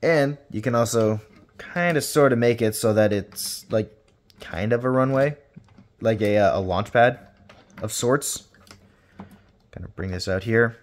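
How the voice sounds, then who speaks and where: A rambling, chatty man talks through a toy review at an ordinary pitch, tossing in a casual curse now and then. His voice rings with an echoey room reverb that hangs on every phrase. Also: unhurried, pauses often. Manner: chatty, rambling, with playful swearing.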